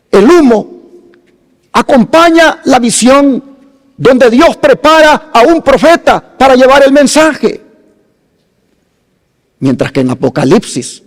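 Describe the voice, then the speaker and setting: A man preaching a sermon as pastor, slow and dramatic, rising to loud emphasis and dropping to hushed phrases. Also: very high voice, big-room sound.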